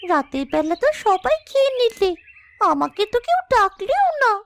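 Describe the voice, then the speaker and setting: A woman's voice: very high-pitched, sing-song, moderate pace, vocal fry, heavily acted. A woman voicing a hungry little village girl in a cartoon, whiny and impatient. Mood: hungry, pleading. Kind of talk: cartoon voice acting.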